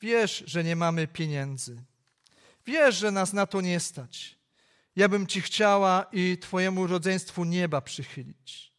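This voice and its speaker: Man playing stern poor mother, scolding, threatening, high voice. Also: takes it slowly, fairly bright tone, smooth. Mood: remorseful.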